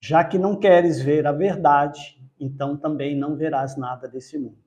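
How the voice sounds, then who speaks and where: A man's voice: fairly high pitch, steady tone, moderate pace, a little mellow, natural voice. A man voicing an earnest male apostle who speaks solemnly, told within a spiritist talk. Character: earnest adult male apostle, firm convert.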